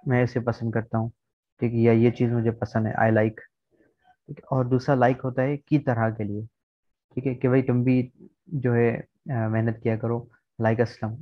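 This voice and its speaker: A male teacher gives a patient, word-by-word vocabulary lesson over a video call, keeping his tone level with very little rise and fall. The sound is dry with no room echo, and the online recording is slightly dull and lo-fi. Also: medium pitch. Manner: explains word by word, often checking with "theek hai". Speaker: English teacher.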